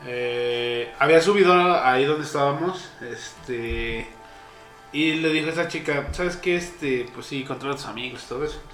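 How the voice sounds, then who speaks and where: A man's voice: mid-range voice, moderate pace, a bit bright, reverberant, faint music behind. A young man with a Mexican accent telling a party story in casual chat, rambling with lots of slang and fillers. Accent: Mexican Spanish. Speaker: podcast co-host.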